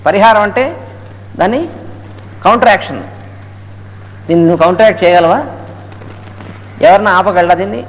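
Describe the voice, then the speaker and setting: A man giving a spiritual discourse on a scripture, telling its story and chanting Sanskrit verses slowly between quick explanations. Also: high-pitched. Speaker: Gita lecturer. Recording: echoey hall with faint noise.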